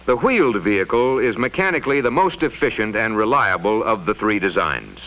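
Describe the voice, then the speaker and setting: Fairly quick and pitched on the low side, a male narrator delivers a formal explanation for a mid-century science film. He keeps his intonation animated, and the audio has a muffled, lo-fi vintage quality.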